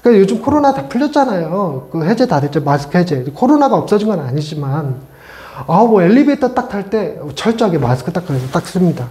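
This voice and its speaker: High-voiced pastor preaching in an echoey church. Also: male voice, brisk. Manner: conversational and animated, with playful asides to the congregation. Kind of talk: sermon. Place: church sanctuary.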